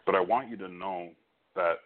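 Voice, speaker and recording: Low-voiced male psychic hotline reader, muffled sound. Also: fairly even intonation, normal speed. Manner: reassuring, checks for agreement. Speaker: phone-in psychic medium. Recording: muffled, band-limited call audio.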